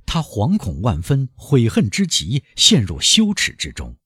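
Male audiobook narrator, very husky voice, low pitch, lively intonation, dry close sound. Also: a little slow, no echo. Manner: dramatic, expressive reading. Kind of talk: scripted narration.

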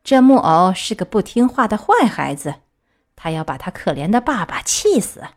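A stern, scolding cricket read by a woman, lively storybook delivery. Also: medium pitch, normal speed.

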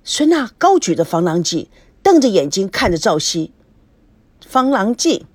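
Woman reading a story, lively. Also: fairly low pitch, moderate pace, breathy edge, no echo. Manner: expressive narration. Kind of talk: reading a romance story aloud.

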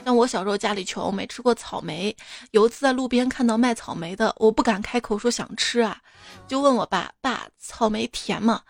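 Woman host, higher voice, chatty and teasing, faint music underneath. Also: a little fast, no echo. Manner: chatty, teasing asides to the listener. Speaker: radio-style host reading listener jokes. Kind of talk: comic storytelling to listeners.

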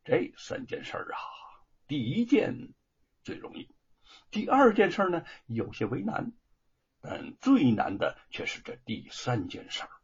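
Husky male storyteller, sweeping delivery. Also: on the high side, huge pitch swings, a little slow. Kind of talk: scripted story narration. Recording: dull lo-fi recording.

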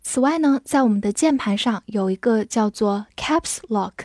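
A woman teaching English vocabulary, who spells words letter by letter and reads example sentences slowly. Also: a little high, animated, a little mellow, dry recording, studio quality. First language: Chinese. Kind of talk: slow, clear vocabulary lesson.

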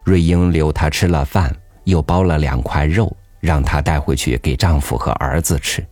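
A man reading a story aloud in a calm, measured storytelling voice. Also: very deep voice, no echo. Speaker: audiobook narrator. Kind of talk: scripted storybook narration. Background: soft background music.

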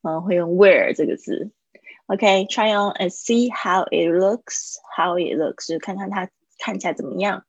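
A woman's voice: medium pitch, a little slow, husky, dry recording, muffled recording. A woman teaching English in a live-streamed lesson, patiently explaining phrases and repeating words to drill pronunciation.

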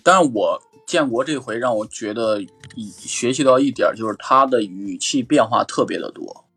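A man's voice: mid-range voice, expressive, normal speed, a bit bright, slightly rough, soft background music. A man co-hosting a casual talk podcast about a comedy show, chatty, swearing casually and laughing as he talks. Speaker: podcast co-host. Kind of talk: casual chat commentary.

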